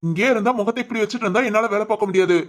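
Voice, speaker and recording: A woman playing a calm young office worker who soothes a crying friend in a firm but gentle way. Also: mid-range voice, very fast, natural voice. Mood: soothing.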